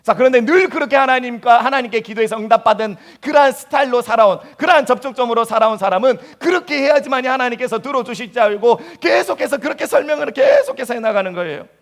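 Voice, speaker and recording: A male pastor preaching a sermon in a church, acting out anguished prayers in a voice that jumps higher. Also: lively intonation, quick pace, hardly any pauses. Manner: acts out anguished prayers in a high voice. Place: church sanctuary.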